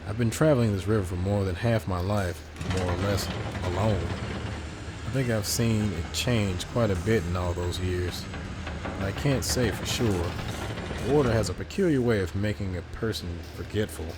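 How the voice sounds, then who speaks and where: A man reading the lines of a weary, lone male riverboat traveler in a slow, reflective way. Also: lowish voice, heavy background noise, lightly acted. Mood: wistful.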